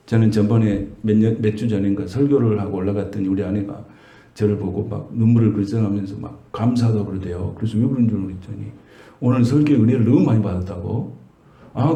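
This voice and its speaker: Middle-aged male pastor, gravelly mellow voice, chatty sermon delivery, echoey church room. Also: fairly low pitch. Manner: conversational preaching, rhetorical questions to the congregation. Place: church sanctuary.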